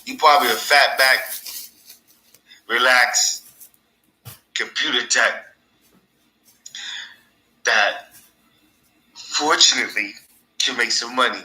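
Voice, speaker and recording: A man's voice: mid-range voice, bright, forceful tone. A man hosting his own podcast in a casual, rambling monologue, laughing at his own stories. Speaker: podcast host. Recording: echoey room.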